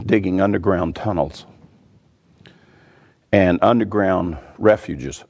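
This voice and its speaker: A man with a deep, gravelly voice leads a Bible study. His tone is husky and earnest. He presses his points with emphatic word pictures. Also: darkish tone. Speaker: Bible teacher.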